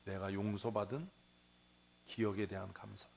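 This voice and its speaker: A man's voice: fairly low pitch, little pitch movement, normal speed, gravelly, slight background noise. A man pastor giving a sermon in church, telling a parable in a conversational way, acting out its characters and asking the congregation questions. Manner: conversational preaching, acts out the parable's voices, asks the congregation questions. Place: church sanctuary.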